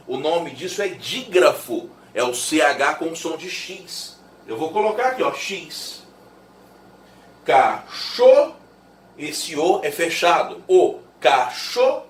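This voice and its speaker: Brazilian male teacher, animated and slow-paced, far from the mic in a roomy classroom. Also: a little high, a little hiss or hum. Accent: Brazilian Portuguese. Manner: lively, rhetorical questions to students. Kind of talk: classroom lecture. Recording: roomy echo from a distant mic.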